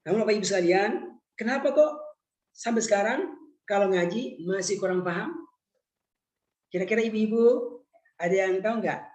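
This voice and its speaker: A man's voice: sits high, darkish tone. Questioning male teacher in an echoey room. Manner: questions the audience, slow drawn-out recitation. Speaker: Quran teacher. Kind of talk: online webinar lesson. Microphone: video call.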